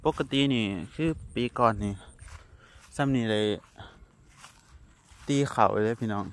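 A young man with an Isan accent, chatting to viewers as he walks through rice fields, with wind rushing over the mic. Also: medium pitch. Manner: chatty, addresses viewers as brothers and sisters. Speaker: vlogger. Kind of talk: casual walking vlog. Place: outdoors in windy rice fields. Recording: wind noise on outdoor mic. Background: wind, crickets and insects.

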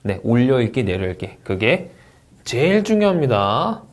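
At a moderate pace and in a mid-range voice, this male TOEIC Speaking teacher gives an exam review lecture. He keeps saying "자," poses rhetorical questions in a lively classroom manner, and reads English model answers with care.

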